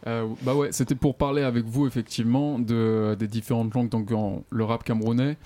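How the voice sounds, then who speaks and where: A man's voice: mid-range voice, little pitch movement, a little fast, warm tone. A man co-hosting a radio interview, asking hesitant, rambling questions. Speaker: radio co-host.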